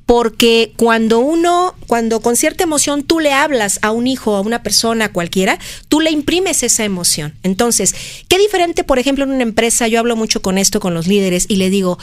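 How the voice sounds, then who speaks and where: A woman, a motivational speaker on a radio show, preaching with many rhetorical questions and a pace that swings between fast and slow. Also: a little high, no room sound. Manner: expressive, switching between fast and slow delivery. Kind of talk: radio conversation.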